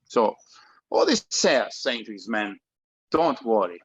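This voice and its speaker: A man's voice: lowish voice, big pitch swings, slow pace, breathy edge, no echo, exaggerated voice. Heavy Greek accent, broken English, fond bedtime-story dad, read by a man on dull, dry call audio. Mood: storytelling. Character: Greek immigrant father telling a bedtime story. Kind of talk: table read of a script.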